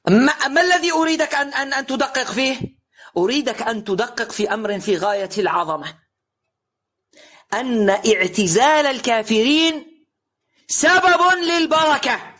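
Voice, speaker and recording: Male preacher, very high bright voice, insistent and rhetorical. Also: moderate pace. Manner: insistent, rhetorical questioning, emphatic recitation. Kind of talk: recorded religious lesson.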